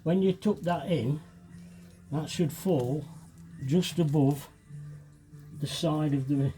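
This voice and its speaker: Faint music sits behind this slow, mellow, slightly high male voice. He's a DIY creator walking through fibreglassing, musing aloud casually and self-deprecatingly, with a touch of a cold in his sniffles.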